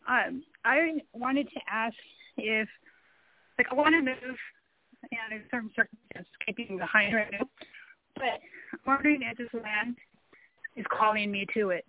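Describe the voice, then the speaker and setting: A woman from California calling in over the phone on a cell line that keeps cutting out, asking hesitant, halting questions. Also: a little high. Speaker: caller. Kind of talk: call-in question to a psychic show. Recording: tinny breaking-up phone line.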